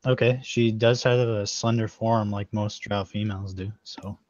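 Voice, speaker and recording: A man narrating as game master in a tabletop game, halting and full of fillers. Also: on the low side, fairly even intonation, darkish tone, dry recording, lo-fi sound.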